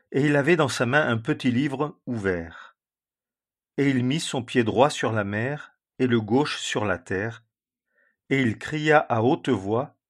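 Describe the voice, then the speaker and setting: A man slowly reading scripture aloud and commenting on it in a measured, solemn way. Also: mid-range voice. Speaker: Bible teacher.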